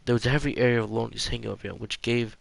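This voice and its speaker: A man's voice: mid-range voice, steady tone, racing, gravelly, no room sound. A man reading a visual novel aloud for a let's-play, stumbling and repeating words as he goes. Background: game music.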